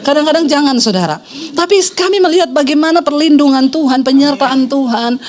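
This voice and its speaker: A middle-aged woman pastor preaching a sermon, telling a story with lively shifts into the voices of the people she quotes. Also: high-pitched, brisk.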